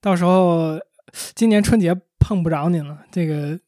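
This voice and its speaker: A man's voice: sits high, moderate pace, mellow, no echo, studio quality. A man co-hosting a casual conversation, reasoning through points analytically with examples. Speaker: podcast co-host.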